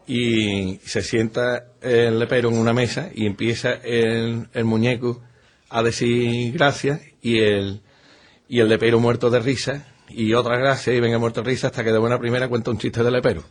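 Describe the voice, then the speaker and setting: A man telling a joke in a rambling way, repeating himself as he goes. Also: mid-range voice. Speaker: joke teller.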